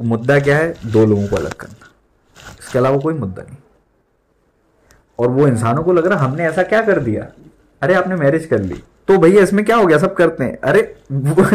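A young man in his twenties preaching an emphatic sermon as a pastor, mixing in English words and repeating lines for stress. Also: medium pitch.

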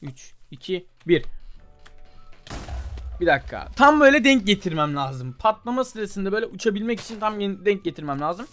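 Young male gaming host, slightly high voice, loose muttering commentary over soft game music. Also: very animated, moderate pace. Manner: chatty, mutters while trying, calls viewers "abi" and "gençler". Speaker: gaming YouTuber. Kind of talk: casual gameplay commentary.

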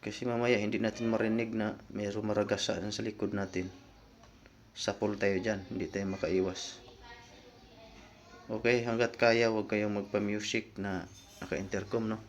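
Talking to his viewers informally, a man explains things one step at a time in casual vlog fashion. His fairly low voice is flat in delivery, at a moderate pace broken by long pauses.

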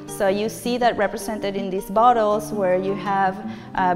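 Argentine woman talking in a bright gallery. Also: medium pitch, big-room sound. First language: Spanish. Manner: earnest, reflective, gestures as she talks. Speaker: visual artist. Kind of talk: gallery talk to camera. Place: large bright art gallery indoors.

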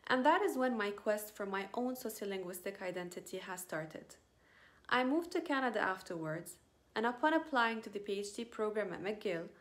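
A woman, her Arabic, presenting her doctoral research in a careful, formal recited way, recorded on a phone camera at arm's length in a small indoor room. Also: medium pitch. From Lebanon. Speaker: PhD student.

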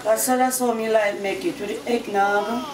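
A woman's voice: on the high side, fairly even intonation, normal speed. A middle-aged woman with a Jamaican accent, chatting casually as she shows how she cooks at home. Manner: chatty, explains as she works. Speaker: home cook. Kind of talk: casual cooking demonstration. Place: home kitchen, indoors. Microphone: far camera. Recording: echoey kitchen, distant mic, loud music.

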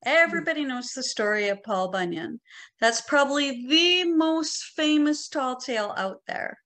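Speaking from her living room over a video call, a middle-aged workshop presenter enthusiastically explains things to an online club. Her voice is high, expressive, and a bit bright, at normal speed, with plenty of emphasis.

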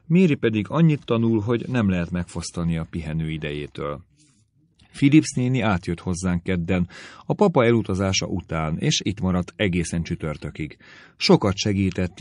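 A man voicing a gentle, careful young woman, the elder sister, in a measured audiobook reading. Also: low-pitched, no echo, clean studio sound.

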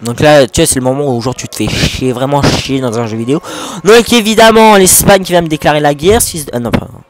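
A fairly high-voiced man with a French accent rattles through a casual gameplay tutorial. He talks fast, rambles and swears at every turn. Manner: crude, rambling, swears a lot, fast talking. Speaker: gaming video host.

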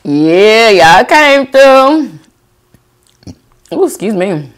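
A woman's voice: a little high, big pitch swings, extremely slow. A young woman hosting a mukbang, chatting casually while she eats and giggling as she reads out viewer comments. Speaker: mukbang host. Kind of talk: casual chat while eating on camera.

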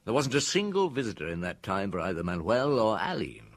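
An actor playing a seasoned, shrewd police inspector in a radio drama, speaking in a deliberate, thoughtful manner. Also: male voice, lowish voice, very animated. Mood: reflective. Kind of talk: radio drama acting, dialogue and recollection.

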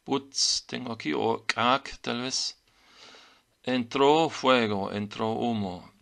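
Slow, bright-voiced man explaining glyphs. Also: mid-range voice, vocal fry. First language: German. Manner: slow, deliberate reading of glyph names. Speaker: teacher of Maya writing. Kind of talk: explanatory lesson.

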